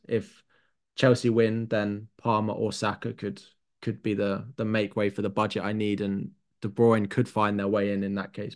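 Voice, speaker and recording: A British man appearing as a guest pundit on a podcast, thinking aloud at length as he weighs his options. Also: on the low side. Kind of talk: casual podcast analysis.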